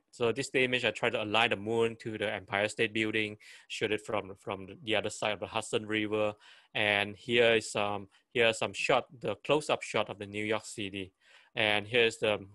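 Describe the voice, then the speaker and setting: A man in his forties, giving a photography seminar over a video call, talking with frequent restarts and halting phrasing. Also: on the low side, pushed and bright, dry recording. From Malaysia. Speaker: photography teacher. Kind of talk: online seminar talk.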